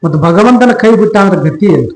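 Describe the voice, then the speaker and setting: A man tells a devotional story with lively rhetorical questions. His voice sits high. The room adds noticeable echo. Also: fairly quick. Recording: echoey room.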